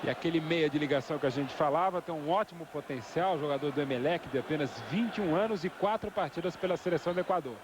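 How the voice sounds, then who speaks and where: High-voiced Brazilian male football analyst. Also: quick pace, few pauses. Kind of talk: live match analysis. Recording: noisy outdoor stadium broadcast. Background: stadium crowd noise.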